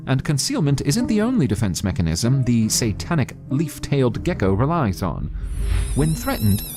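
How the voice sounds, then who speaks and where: A man narrating a scripted nature documentary as a voice-over. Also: medium pitch. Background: prominent background music.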